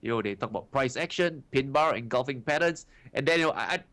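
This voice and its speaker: Speaking fast and expressively, a young Singaporean man in his twenties recounts his start in trading as an interview guest. His mid-range voice has a fairly bright tone and a Singaporean English accent. He keeps it chatty, frequently adding "right" and "you know."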